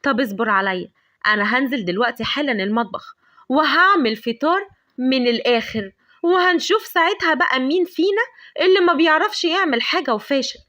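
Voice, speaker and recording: Brief: woman voicing a hot-tempered young Egyptian heroine, high and rapid, shrill outbursts. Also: lightly acted. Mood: indignant. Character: fiery proud young woman, quick to anger.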